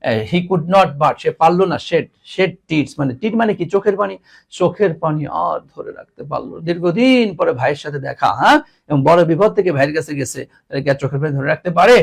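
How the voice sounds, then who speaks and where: A man's voice: sits high, gravelly. A man teaching an English grammar lesson to students, mixing English and Bengali with a Bangladeshi Bengali accent and teasing the class.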